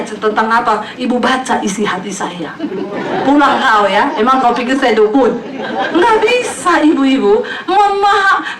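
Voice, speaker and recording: High-voiced woman preaching in an echoey hall. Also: fairly bright tone. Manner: playful, acts out congregants' voices, laughs often. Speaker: pastor. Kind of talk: humorous sermon with storytelling. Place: church hall with congregation. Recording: echoey hall from far off, crowd noise.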